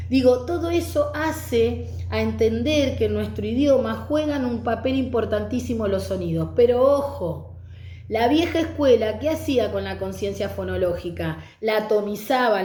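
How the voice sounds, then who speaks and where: A woman's voice: mid-range voice, warm tone, echoey room. A middle-aged woman teacher giving a conversational online lecture on reading pedagogy.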